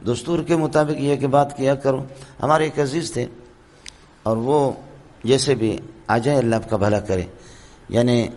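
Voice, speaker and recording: Hoarse guy lecturing on quran commentary, tells stories, keeps asking if you got it, normal pitch. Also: a little mellow. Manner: storytelling, often checks listeners with "understood?". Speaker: Quran teacher. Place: madrasa lecture hall.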